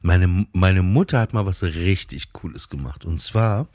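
Rambling man with a low, dry voice. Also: expressive, a little slow, darkish tone, no room sound. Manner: rambling, hesitant, many ums and restarts. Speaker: podcast co-host. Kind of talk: casual bedtime chat.

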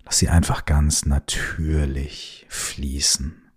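Deep, slow, husky-voiced man guiding sleep. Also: flat delivery. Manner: slow, soothing, drops to soft whispers. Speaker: meditation guide. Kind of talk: guided sleep meditation.

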